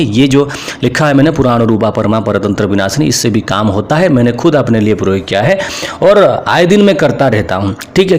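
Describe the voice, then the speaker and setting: A man's voice: fairly high pitch, darkish tone. Earnest Indian man teaching informally. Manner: earnest, repetitive, mixes English words into speech. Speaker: spiritual teacher. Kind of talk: informal spoken teaching to camera.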